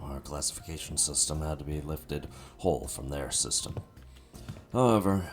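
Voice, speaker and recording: Brief: man playing a coolly condescending researcher, very deep, measured and dry.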